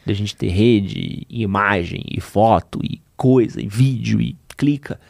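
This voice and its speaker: A man hosting a casual podcast, cracking jokes and thinking aloud with quick interjections. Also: lowish voice, creaky, darkish tone, no echo, clean studio sound. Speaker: podcast host. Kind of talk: casual chat.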